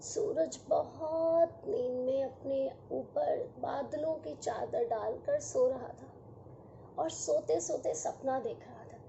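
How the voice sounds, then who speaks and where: A woman narrating a children's story in a slow, gentle and expressive way. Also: high-pitched, slight background noise. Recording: dull lo-fi audio.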